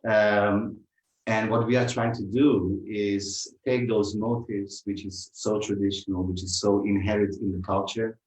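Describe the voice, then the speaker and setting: A man from Turkey speaks English, his voice low and deep. He talks in a measured, hesitant way with many pauses and fillers. He sounds some way from the mic, in a roomy, echoing space. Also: level tone, darkish tone. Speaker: musician guest. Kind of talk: festival talk in English. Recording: roomy, from far off.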